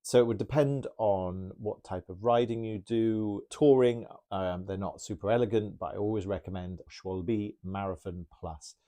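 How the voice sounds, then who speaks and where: Casting: chatty male bike mechanic, low mellow voice, enthusiastic rambling Q&A. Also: fairly even intonation, moderate pace, few pauses. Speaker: bike mechanic answering viewer questions. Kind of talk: casual Q&A talk.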